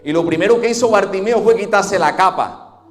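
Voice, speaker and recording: A pastor giving a Sunday sermon, dramatic, moving between hushed and loud passages. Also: male voice, high-pitched, moderate pace, soft background music.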